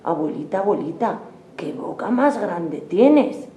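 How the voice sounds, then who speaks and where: Lady putting on a sweet little girl, high and slow, echoey room. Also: very animated, dark tone, slight background noise. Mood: wondering.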